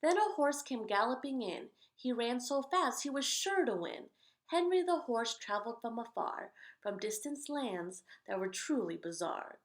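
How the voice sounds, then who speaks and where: Hosting a picture-book read-aloud for children, this woman speaks in a fairly high voice at a measured pace. She stresses the rhymes expressively and makes casual small talk in the gaps.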